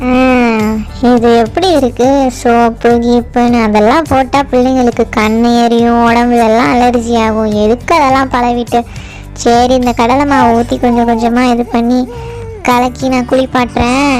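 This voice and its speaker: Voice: medium pitch, little pitch movement, normal speed, darkish tone, soft background music, lightly acted. A performer voicing a bossy, fussy old grandmother who scolds and coaxes while bathing babies, in a doll play-acting drama. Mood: fussy scolding.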